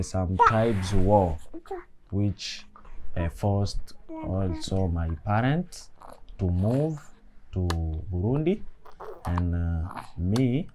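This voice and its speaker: A young man from eastern Congo speaking in a documentary interview, halting and searching for words. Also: lowish voice. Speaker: refugee interviewee.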